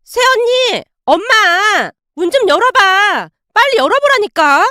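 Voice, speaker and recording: Casting: a woman playing an upset young daughter, shrieking high, very lively pitch. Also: slow, no room sound, clean studio sound, full character voice. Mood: yelling. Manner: wailing, yelling.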